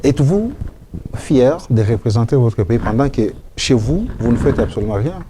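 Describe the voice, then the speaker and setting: A man's voice: mid-range voice, big pitch swings, normal speed, background noise. A man hosting a TV magazine, asking probing, challenging questions. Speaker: TV interviewer. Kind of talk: studio TV interview.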